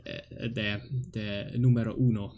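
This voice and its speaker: A man hosts a card game stream over a voice call, unhurried and easygoing. His delivery is slow and jokey, broken by frequent laughter. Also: lowish voice, level tone, a little mellow, slight background noise. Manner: chatty, jokey, laughs often. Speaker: stream host. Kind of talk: casual gaming chat.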